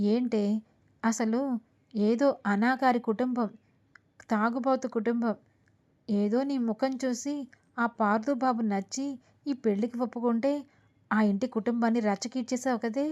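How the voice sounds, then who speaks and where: A woman's voice: fairly high pitch, steady tone, a little slow, long pauses, darkish tone, muffled recording, close to an everyday voice. A woman voicing an angry middle-aged father who scolds his daughter harshly. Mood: angry scolding. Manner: scolding, accusing. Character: furious drunkard's-family father, middle-aged man.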